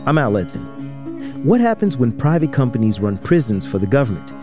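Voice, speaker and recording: A man's voice: medium pitch, very animated, normal speed, over music. A man hosting an investigative radio program, reading scripted documentary narration.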